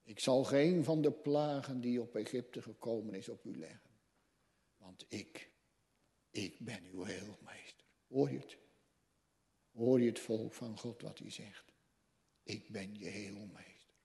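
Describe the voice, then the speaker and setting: A man preaches a sermon, taking it slowly. He moves between hushed, intimate phrases and sudden raised cries. His voice rings out in a church with a long, trailing reverb. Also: lowish voice. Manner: slow, swings from hushed to loud cries.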